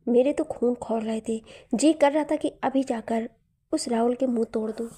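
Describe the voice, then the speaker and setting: A woman's voice: on the high side, normal speed, dark tone, slightly rough. A woman voicing a jealous, hot-tempered young man in a storybook reading. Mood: angry. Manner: angry, heated.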